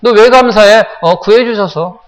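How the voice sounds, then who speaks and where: A Korean pastor preaching a sermon, often putting questions to the congregation and repeating phrases for emphasis. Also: male voice, high-pitched, moderate pace, in a large hall, low-quality recording. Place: church sanctuary.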